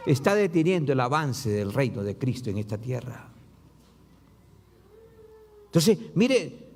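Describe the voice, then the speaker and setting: A man pastor preaching a sermon, reading scripture aloud and asking the congregation rhetorical questions with rising emphasis and low drops. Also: big-room sound.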